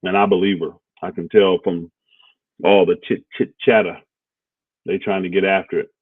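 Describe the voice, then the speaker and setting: A man's voice: low voice, flat delivery, normal speed, breathy edge, no room sound. A man co-hosting a casual basketball talk stream, laid-back and rambling, thinking aloud with lots of fillers. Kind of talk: casual sports talk livestream. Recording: dry, phone-like audio.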